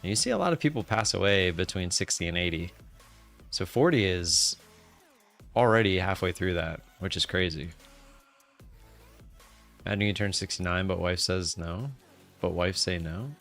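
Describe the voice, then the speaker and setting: On his live stream, this late-thirties man rambles casually, reading viewer comments aloud amid many "uh" fillers and restarts. His low, gravelly, slightly bright voice moves at normal speed with frequent pauses, over soft background music.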